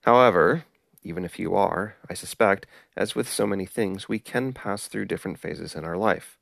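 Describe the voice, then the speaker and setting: Low gravelly guy narrating his podcast script, dry sound, careful and explain-y. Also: a bit bright, dry recording. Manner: measured, explanatory, apologetic about pronunciation. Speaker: podcast host.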